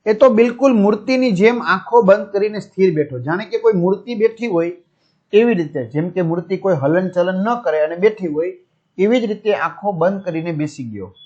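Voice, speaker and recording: High-voiced man teaching a lesson, lo-fi. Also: normal speed, a little mellow. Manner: repeats each sentence in simpler words, checks in with pupils. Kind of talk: reading and explaining a school lesson. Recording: dull lo-fi sound.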